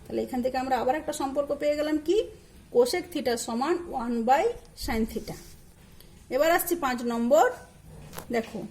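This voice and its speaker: With poor audio, this high-voiced, slightly mellow woman speaks at a moderate pace and pauses often. She's a patient math teacher with an eastern Indian Bengali accent in a recorded lesson, spelling out and repeating key terms and posing questions she answers herself.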